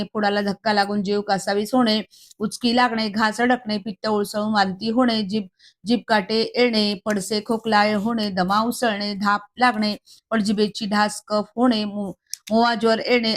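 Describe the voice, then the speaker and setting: In a mid-range voice, a woman steadily reads a devotional Marathi scripture commentary aloud. Her pace is even and measured, and as she works through a long list she occasionally slips and starts over.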